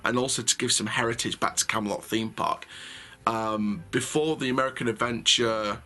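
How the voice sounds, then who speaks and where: A man's voice: medium pitch, pushed and bright. A young man hosting a theme park channel, reading a news update and then giving his opinions in a chatty way, with many ums and restarts. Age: young adult.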